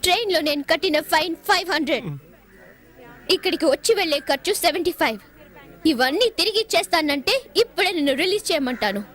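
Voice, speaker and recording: A woman's voice: extremely high pitch, animated, fast talker, a bit bright. An actress playing a stubborn, proud young woman who defies her father. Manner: defiant, haughty.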